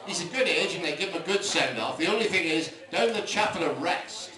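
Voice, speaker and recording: A man's voice: sits high, expressive, fairly quick. An older man doing stand-up, telling dry one-liners with rambling asides. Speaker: stand-up comedian. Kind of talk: live stand-up jokes. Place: live comedy venue. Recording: echoey club, mic at a distance, loud crowd. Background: audience laughter.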